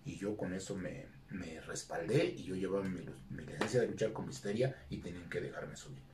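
A man's voice: low-pitched, brisk, background noise. A middle-aged man with a Mexican accent, a retired wrestler telling stories in a casual interview and acting out the dialogue. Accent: Mexican Spanish. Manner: animated storyteller acting out quoted dialogue. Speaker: retired lucha libre wrestler, guest. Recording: echoey room, voice from off-mic.

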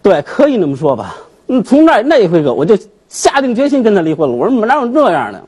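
A man, a guest telling his grievance on a TV talk show in an animated, aggrieved way. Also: high voice, fast, slightly rough. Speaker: guest, husband seeking divorce. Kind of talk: emotional storytelling on a TV talk show.

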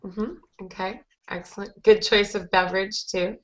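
At a moderate pace and with fairly even intonation, a young adult woman with a mid-range voice teaches a conversational English lesson to a group over video call, keeping things encouraging. She uses a headset boom mic in a small indoor room, giving dull, lo-fi headset audio.

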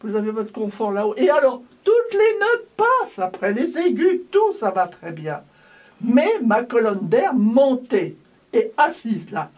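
A woman's voice: fairly high pitch, big pitch swings, a little slow, a little mellow. A woman voice teacher coaching a singing lesson, breaking off her instructions to demonstrate sung vowels. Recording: voice from far off the mic.

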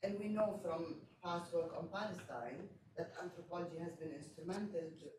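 A woman's voice: lowish voice, normal speed. A woman in the audience of a panel, asking a long, searching question with many restarts. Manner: searching, restarts often, earnest. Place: large lecture room. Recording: echoey lecture hall, distant mic, noise.

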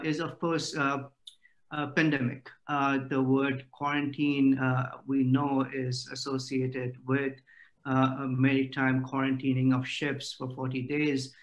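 A man's voice: mid-range voice, little pitch movement, slow. A middle-aged man giving an academic lecture over a video call, with many "uh" fillers.

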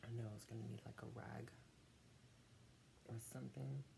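In a casual eat-with-me mukbang video, a young vlogger with a creaky voice munches crunchy chips while talking, pausing to chew. The voice is medium in pitch with a level tone. It is recorded in a small, dim room at home, with background noise.

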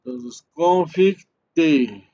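A man's voice: on the high side, animated, very slow, dark tone, lo-fi sound. A man teaching networking in a screen-recorded tutorial, thinking aloud, muttering, and tagging his sentences with questions to the class. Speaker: networking instructor.

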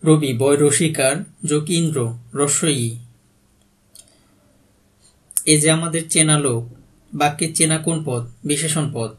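A man's voice: fairly high pitch, slow pace, pauses often. A man with a Bangladeshi Bengali accent, working as an exam prep tutor and reading out quiz questions, each followed by its answer and a brief explanation. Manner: reads each question then gives the answer plainly.

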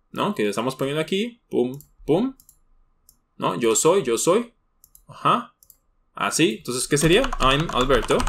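A man's voice: medium pitch, a bit bright. A man teaching a beginners' English lesson online, explaining patiently step by step and often checking in with his students. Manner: patient, explains step by step with frequent tag questions.

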